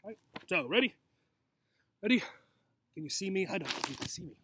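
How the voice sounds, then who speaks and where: A man in his forties, with a high, animated, brisk voice, reads a picture book aloud as a teacher, using simple, encouraging talk for young children. He's outdoors in a grassy yard with a noisy background, recorded on a camera or laptop mic about arm's length away.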